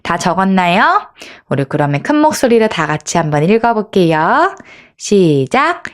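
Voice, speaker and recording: A woman teaching preschoolers at Bible school in a coaxing, sing-song way. She asks the children questions and slows down so they can repeat phrases after her. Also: medium pitch, sing-song. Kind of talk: demonstration lesson for preschoolers.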